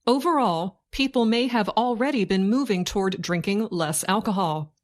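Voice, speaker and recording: Woman reading slowly and deliberately, dictation-style. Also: medium pitch. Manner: slow, deliberate, short phrases with pauses, like dictation. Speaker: narrator. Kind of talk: slow scripted learning-English news reading.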